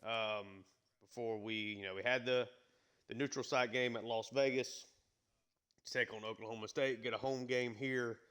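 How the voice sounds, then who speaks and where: A man's voice: medium pitch, steady tone, moderate pace, a bit bright, smooth. A man with the hiccups giving casual play-by-play commentary on a football video game, with lots of fillers. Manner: conversational, filler-heavy, hiccuping. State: has the hiccups. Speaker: gaming YouTuber.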